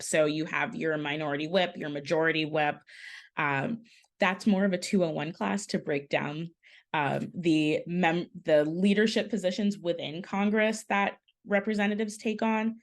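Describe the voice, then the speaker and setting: A woman presenting an online advocacy training in a slightly low voice. She explains step by step in a conversational way, using frequent fillers and correcting herself as she goes.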